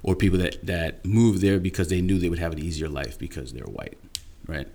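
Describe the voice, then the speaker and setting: An interview guest of Haitian and Dominican background explains things in a casual, earnest, informal way. He keeps checking in with "right?" and "you know." His voice is low-pitched, brisk and mellow, with a little hiss or hum.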